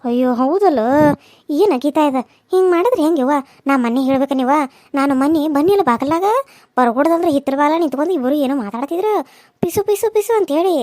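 A woman's voice: high voice, animated, fast, a little mellow, no room sound, clean studio sound. A woman voicing a caring older village woman who comforts and advises. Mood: concerned. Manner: soothing, bossy-kind, reassuring. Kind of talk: cartoon serial voice acting.

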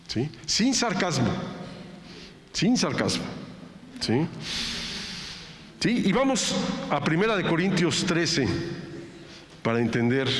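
A man preaching a sermon as pastor, talking in a conversational way and checking in with his listeners. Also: medium pitch. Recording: echoey reverberant hall with faint ambience.

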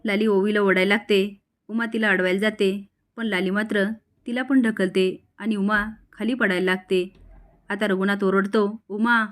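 A woman retelling a TV serial episode in steady storytelling narration. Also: mid-range voice, normal speed.

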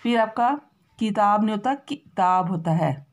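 Woman teacher spelling words out slowly. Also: mid-range voice, lively intonation. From Uttarakhand, India. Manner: slow, drawn-out spelling out of words; constant tag questions to pupils. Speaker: primary school teacher. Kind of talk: spelling lesson for children.

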